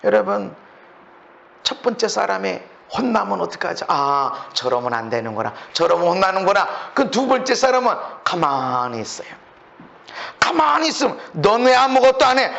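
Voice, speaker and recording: A man preaching a sermon as pastor, swinging from low murmurs to shouted lines. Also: sing-song, normal speed, vocal fry, dull audio.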